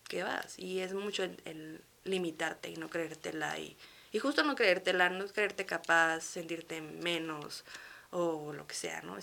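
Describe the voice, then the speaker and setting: A woman in her thirties with a Mexican accent, a guest telling stories in a relaxed, chatty way with frequent laughs. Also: on the low side, gravelly. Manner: lively, chatty storytelling with frequent laughs and fillers. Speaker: guest architect. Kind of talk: casual interview chat.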